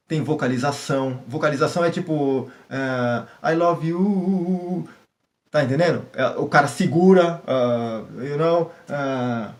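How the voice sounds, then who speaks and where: A middle-aged Brazilian man with a Brazilian Portuguese accent who talks casually in a language-learning vlog, slipping English words into his examples and acting out small scenes. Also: a little high. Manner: chatty, switches into English for examples, acts out little scenes.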